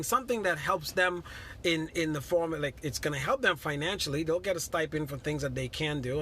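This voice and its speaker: On a live stream, a middle-aged man from Guyana gives a casual motivational talk, earnest and repetitive, greeting viewers by name. His voice is a little high and bright, with a forceful tone, and there's a little hiss or hum.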